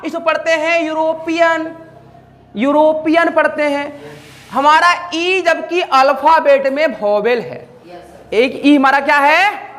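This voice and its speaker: A man's voice: extremely high pitch, fairly bright tone. A man teaching an English grammar lesson, repeatedly asking the class questions and answering them himself.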